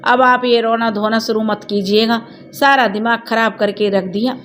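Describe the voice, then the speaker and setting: A woman's voice: a little high, steady tone, moderate pace, a bit bright, a little hiss or hum, natural voice. An irritable father played by a woman in a storybook reading, curt and exasperated with the family's quarrels. Short, impatient delivery.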